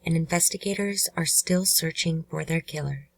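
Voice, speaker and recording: A woman hosting a true crime channel, giving measured, earnest scripted narration. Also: sits low, creaky, no room sound, rough recording.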